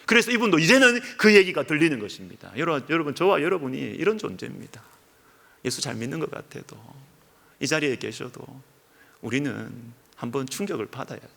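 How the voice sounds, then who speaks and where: A man preaching a Sunday sermon as pastor, lively, his voice rising high when he acts out prayers. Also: fairly quick, vocal fry. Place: church sanctuary. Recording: church hall reverb.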